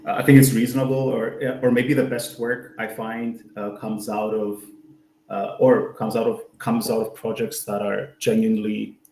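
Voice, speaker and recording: A man's voice: fairly low pitch, level tone, normal speed, warm tone, echoey room, a little hiss or hum, rough recording. A man hosting an online user group meetup, talking casually with many fillers and restarts. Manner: friendly, full of fillers and restarts.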